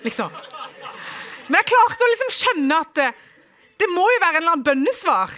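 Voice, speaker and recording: A young man giving a humorous personal testimony to an audience, acting out dialogue and chuckling often. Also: very high-pitched. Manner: animated, acts out quoted dialogue, chuckles often.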